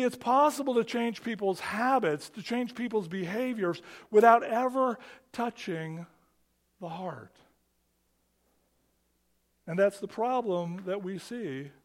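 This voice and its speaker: A man preaching a sermon, with quick rhetorical questions and humorous asides, dropping to a hush on key words. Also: high voice. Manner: rises and falls for emphasis, drops to a hush on key words. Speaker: pastor.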